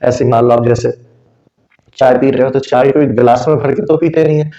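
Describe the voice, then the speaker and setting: A man's voice: mid-range voice, steady tone, brisk, dark tone. A man teaching a spoken English lesson, explaining step by step with examples and answering his own questions. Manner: asks questions and answers them himself. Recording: dull, lo-fi recording.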